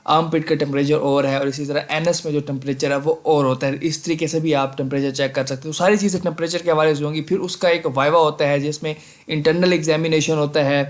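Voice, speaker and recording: A man's voice: fairly high pitch, flat delivery. A man casually explaining medical college exam formats to students, often asking "theek hai" and mixing in English terms. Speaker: medical admissions advisor on a video channel.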